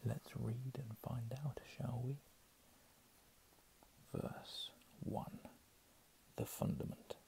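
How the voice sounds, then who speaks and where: A man reading under his breath in a hushed ASMR whisper, with casual murmured asides. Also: medium pitch, level tone, gravelly. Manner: slow, hushed delivery. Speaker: ASMR reader.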